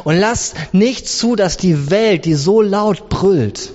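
High-voiced impassioned preacher in an echoing hall. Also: male voice, lively intonation, takes it slowly, darkish tone. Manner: impassioned, piles up repeated phrases. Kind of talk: sermon. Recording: long hall reverb, dull lo-fi sound.

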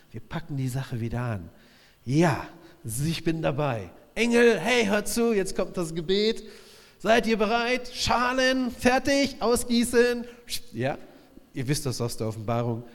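A man preaching a sermon in a lively, animated way, acting out quotes in different voices. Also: on the high side. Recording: reverberant hall.

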